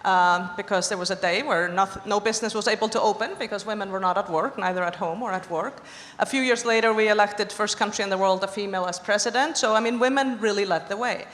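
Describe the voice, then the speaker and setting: A woman's voice: medium pitch, fast, fairly bright tone. A woman from Iceland speaking earnestly on a conference panel, building on other speakers' points. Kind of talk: panel discussion. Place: conference hall stage. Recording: long reverb of a conference hall.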